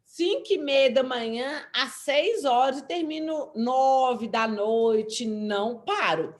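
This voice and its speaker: A woman lawyer with a Brazilian accent, speaking as a guest on a panel and explaining with animated, acted-out examples. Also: high-pitched, slow pace. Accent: Brazilian Portuguese. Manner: animated, explanatory, acts out quotes. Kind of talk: panel discussion.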